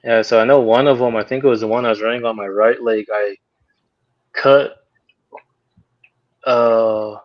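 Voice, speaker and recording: A man's voice: mid-range voice, unhurried, long pauses. A man guest chatting casually and hesitantly on a stream, with plenty of fillers. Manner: relaxed, hesitant, lots of fillers. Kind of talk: casual chat. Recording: muffled lo-fi call audio.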